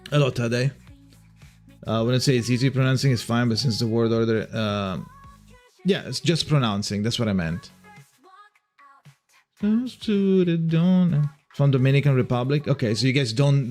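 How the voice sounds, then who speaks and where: A man's voice: medium pitch, darkish tone. A man with an Italian accent, hosting a livestream and chatting casually with his viewers as he reads their messages aloud. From Italy. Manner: rambling, reads chat aloud, frequent restarts. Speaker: livestream host.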